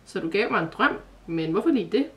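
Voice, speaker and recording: A woman's voice: mid-range voice, lively intonation, recorded from a distance, close to an everyday voice. A woman voicing a curious young girl in a storybook reading, asking question after question. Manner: inquisitive, questioning.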